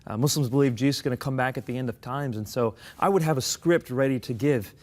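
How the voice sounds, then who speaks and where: A young American man with a medium-pitched voice talks fast as a guest in a conversational interview, telling his life story earnestly and articulately.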